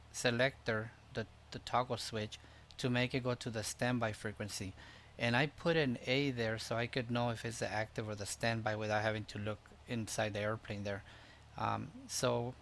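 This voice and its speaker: A man in the middle of his pitch range talks through a flight-sim tutorial, step by step and unhurried, with ums and restarts. His desk mic picks up a faint hum of room ambience behind him. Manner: relaxed step-by-step explaining with fillers. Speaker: tutorial host. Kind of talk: screen-recorded software tutorial.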